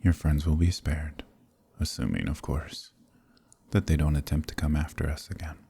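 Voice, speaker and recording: Sadistic vampire lord, ASMR roleplay: possessive, silky menace, extremely breathy and husky, dark-toned. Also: male voice, rumbling low, no echo, exaggerated voice. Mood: mocking, silky. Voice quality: breathy, gravelly. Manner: slow, menacing, mockingly tender purr. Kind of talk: ASMR roleplay audio drama.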